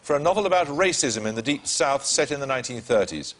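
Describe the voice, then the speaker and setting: A man hosting a television quiz show, reading questions in a crisp, dry and wry, briskly authoritative way. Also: mid-range voice, expressive, fairly bright tone. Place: television studio.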